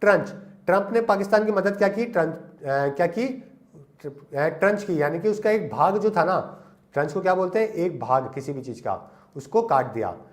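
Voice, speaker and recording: A man's voice: high-pitched, expressive, moderate pace. A young man teaching English vocabulary in Hindi, giving memory tricks and asking questions he answers himself. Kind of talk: Hindi lesson on English words.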